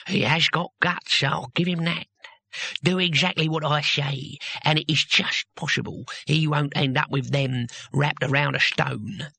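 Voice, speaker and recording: A man's voice: on the high side, steady tone, a little slow, vocal fry, pushed and bright, breathy edge, heavily acted. A man playing a damp, squelchy old barbarian. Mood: menacing. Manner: blunt threatening whispers. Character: very old wiry male barbarian, menacing and gruff.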